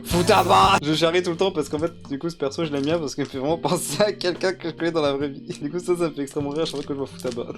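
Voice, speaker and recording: Over background game music, this YouTuber delivers joking, crude let's-play commentary, rambling and laughing often. He speaks very fast with few pauses, his slightly high voice keeping a steady tone.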